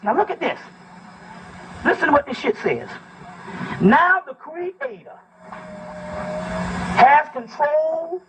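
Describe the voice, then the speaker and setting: In a recording with the highs cut off, a very high-pitched man delivers a fiery, informal lecture. He reads a text aloud and breaks it down emphatically, swearing freely and posing rhetorical questions in a preacher's style.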